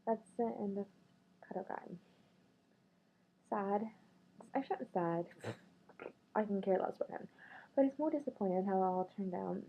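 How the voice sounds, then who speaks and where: A woman vlogs about dating in a loose, chatty way, full of "like" and sudden quoted lines. Her voice is husky with a gravelly edge. The sound is thin and tinny, like a phone line. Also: mid-range voice, normal speed, pauses often. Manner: chatty, filler-heavy, quotes others in raised voice. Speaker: vlogger. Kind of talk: casual storytelling about dating.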